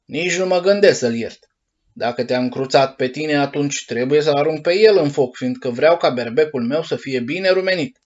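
A man voicing a gruff, hoarse old puppet-master with a long beard, grumpy but soft-hearted, in a dull lo-fi storybook recording. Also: fairly high pitch, close to an everyday voice. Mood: stern. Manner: gruff, shouting, sneezing.

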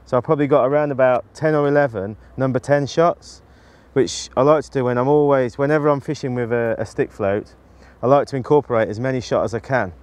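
A man's voice: mid-range voice, fairly even intonation, brisk, darkish tone. A man in his forties, a match angler, gives a practical, explanatory demonstration to camera outdoors on a riverbank, talking into a lapel mic with fillers and restarts along the way. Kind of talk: instructional talk to camera.

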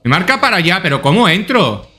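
A man's voice: high voice, very animated, brisk, sharp tone. A man doing casual let's-play commentary, swearing often and thinking aloud to himself. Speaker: gaming YouTuber.

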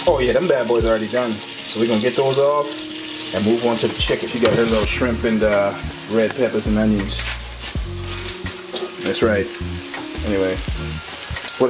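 Against a noisy background, a young man with a mid-range voice talks through his meal prep in a home kitchen. A fitness vlogger, he keeps this cooking vlog laid-back and slangy, speaking into a handheld camera mic.

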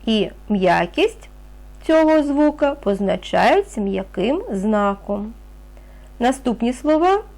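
A woman teaches a reading lesson to young children in a slow, patient voice. Her pitch sits fairly high and rises and falls a great deal. She asks a question, pauses, then answers it herself and praises the class. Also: very animated, creaky, darkish tone. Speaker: primary school teacher.

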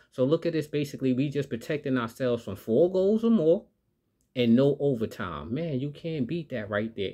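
A man's voice: medium pitch, a little mellow. A man hosting a sports betting channel, talking straight to his viewers in an upbeat, hyped way as he lays out his picks. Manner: upbeat, hypes viewers, talks straight to the audience.

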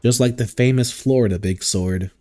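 A man's voice: mid-range voice, normal speed, dark tone. A man giving crude, joking commentary while playing a video game, swearing often. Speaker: gaming streamer. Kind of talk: let's play commentary.

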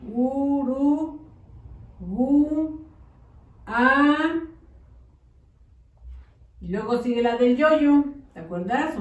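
A woman teaching a slow early-literacy lesson, drawing out syllables and coaxing children to follow along. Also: on the high side, warm tone. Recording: echoey room, mic at a distance.

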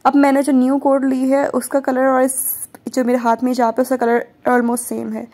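A woman's voice: high-pitched, completely flat delivery, normal speed, warm tone. Chatty young woman vlogging in a store. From Pakistan. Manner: chatty, joking asides. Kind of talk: casual vlog narration. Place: large supermarket, indoors.

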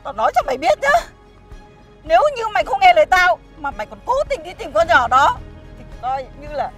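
A woman's voice: very animated, fairly quick, faint music behind, full character voice. An actress playing a scornful, hot-tempered middle-aged mother who scolds and insults. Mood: furious. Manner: scolding, insulting, shrill shouting. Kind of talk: web drama acting.

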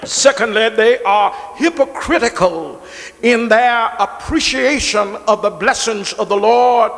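Behind the pulpit of a large church sanctuary, a middle-aged pastor preaches, stretching and repeating words and calling on the congregation to respond. His voice is extremely high and fairly bright, with a long reverb tail and a little hiss or hum.

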